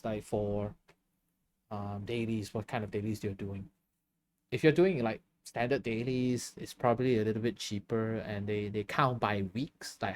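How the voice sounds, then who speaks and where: A man's voice: mid-range voice, slight background noise. A tired man chatting casually while streaming a game, laughing often and answering his chat.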